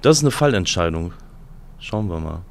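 A man's voice: low voice, animated, moderate pace, vocal fry. A man, a museum director, answering interview questions thoughtfully, with many hesitations and fillers.

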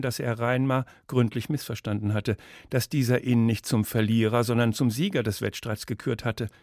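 A male reader narrates a story with measured expression. His voice sits at a middle pitch, and the recording is dry and close to the microphone. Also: a little mellow, no room sound. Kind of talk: dramatic story reading.

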